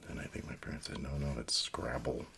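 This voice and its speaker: A middle-aged man doing soft-spoken ASMR, musing aloud in a near whisper with pauses, over crinkling paper. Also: rumbling low, gravelly. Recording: steady noise, paper crinkling and clicks. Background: newspaper crinkling and page turning.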